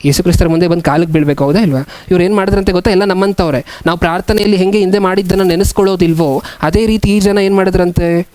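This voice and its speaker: Male pastor, high-pitched, dry close recording; sermon delivery full of questions to the congregation, scripture read slowly. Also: steady tone, darkish tone, dry recording.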